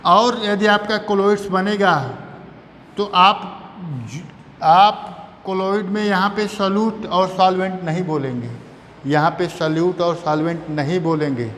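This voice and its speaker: A man's voice: high-pitched, steady tone, unhurried, a bit bright. A man teaching a chemistry lesson, repeating terms and asking and answering his own questions. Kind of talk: classroom lecture. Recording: long reverb, faint background noise.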